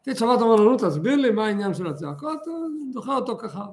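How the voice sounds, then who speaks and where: A man teaching a religious lesson with stories, speaking fervently and stretching words for emphasis. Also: very high-pitched. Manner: animated, fervent, drawn-out emphasis. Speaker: Torah teacher.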